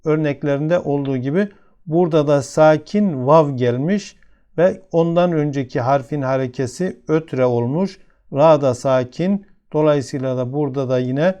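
Slow, clear-voiced Turkish male teacher. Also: on the high side, darkish tone. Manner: patient, repeats each example word slowly. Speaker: Quran recitation teacher. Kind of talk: slow step-by-step tajweed lesson.

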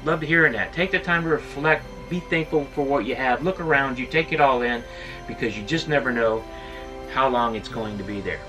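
A man's voice: mid-range voice, fairly quick. Chatty middle-aged man vlogging from his RV. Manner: chatty and upbeat, with many fillers. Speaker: RV travel vlogger. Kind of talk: casual vlog talk to camera. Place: inside an RV decorated for Christmas. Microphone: camera at a distance. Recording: voice a little far from the mic, music behind.

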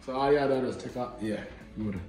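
Speaking quickly at a medium pitch, a man in his thirties from Jamaica hosts an easygoing cooking vlog, his Jamaican accent and patois-flavored chatter front and center. He films indoors in a home kitchen on a camera mic set at a distance, leaving a roomy echo and clear background noise.

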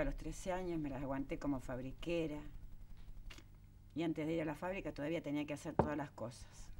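A woman's voice: low voice, darkish tone, a little hiss or hum. An actress playing a fiery working-class mother, a former factory girl, speaking with a Rioplatense accent and often near tears. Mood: indignant. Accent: Rioplatense Spanish. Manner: emotional, exclaiming, voice breaking into tears. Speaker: actress in TV drama. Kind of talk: 1970s TV drama acting.

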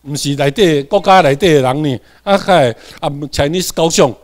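A man's voice: fairly high pitch, moderate pace. A man from Tainan, Taiwan, with a Taiwanese accent, giving a classroom lecture. He repeats key points and keeps checking in with his students.

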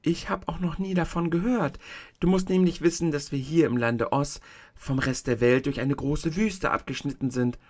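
A man reading a storybook aloud and voicing a tiny, kindly old woman who is the good witch, softly and higher than his own voice. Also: steady tone, normal speed, natural voice. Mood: gentle. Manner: soft, gentle storyteller voice raised higher.

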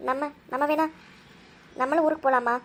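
A woman's voice: sits high, steady tone, moderate pace, close to an everyday voice. A woman voicing a curious young girl who stammers and coaxes her mother in a cartoon. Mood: coaxing. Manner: hesitant, stammering when caught.

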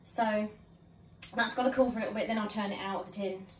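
A woman's voice: medium pitch, fairly even intonation, fast, a little hiss or hum. A woman from Sussex, chatting playfully as host of a home vlog in her kitchen. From Sussex, England. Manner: chatty and playful, with bursts of laughter. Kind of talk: casual home vlog chat.

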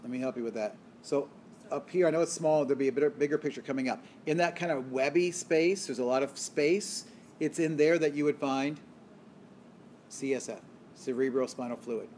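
In a recorded lecture screencast, a man teaches biology in a mid-range, slightly mellow voice at normal speed, with slight background noise. He quizzes the class, answering his own questions, and works through things step by step, correcting himself along the way.

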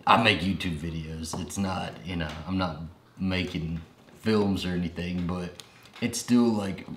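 A man's voice: low voice, fairly even intonation, measured pace, reverberant, slight background noise. A young man vlogging casually about film, rambling and laughing often. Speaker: vlogger and filmmaker. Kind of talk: casual chat to camera.

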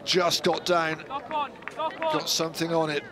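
A man's voice: fairly high pitch, big pitch swings, takes it slowly. A man giving live football commentary in short, clipped descriptive phrases. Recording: loud crowd and outdoor stadium noise.

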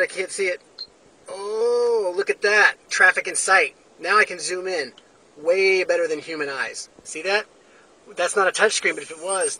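A man in his forties vlogging in a deadpan, mock-earnest satirical style. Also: on the high side, poor audio. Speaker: vlogger pilot. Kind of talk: satirical vlog. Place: home room, then small plane cockpit, then outdoors.

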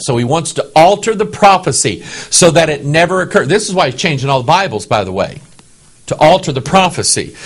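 A man giving an animated, sermon-style Bible teaching, often checking in with the audience. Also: a little high, breathy edge. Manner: animated, keeps checking in with "okay?".

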